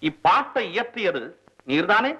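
A man's voice: sits high, big pitch swings, measured pace, pushed and bright, husky, muffled recording, full character voice. An actor playing a stern, proud elder male court poet who speaks in formal, lofty classical phrases, in classic film drama dialogue. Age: older.

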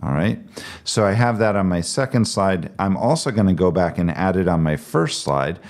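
Man, deep-ish voice, fry in the tone, tutorial voice-over, calm walkthrough. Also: moderate pace. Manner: calm step-by-step explaining. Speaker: tech tutorial presenter. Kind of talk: screen-recorded software tutorial.

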